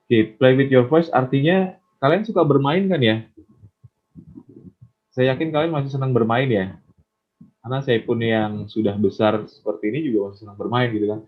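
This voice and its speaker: A man's voice: mid-range voice, moderate pace, long pauses. A man teaching public speaking in an online class, encouraging and asking his students questions. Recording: tinny phone-like line.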